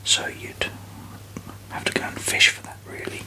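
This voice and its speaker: A person whispering an ASMR review very softly, with tingly mouth sounds and halting, unhurried phrasing. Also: poor audio. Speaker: ASMR video host.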